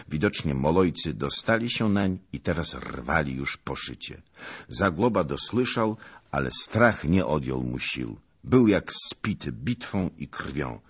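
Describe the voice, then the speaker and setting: A man's voice: a bass voice, husky. A man dramatically narrating a historical novel in an audiobook. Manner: dramatic, slow and deliberate.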